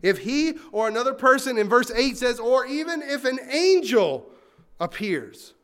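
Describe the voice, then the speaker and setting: A man as a pastor preaching a sermon in a lively, conversational way, with asides to the congregation. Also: extremely high pitch, unhurried.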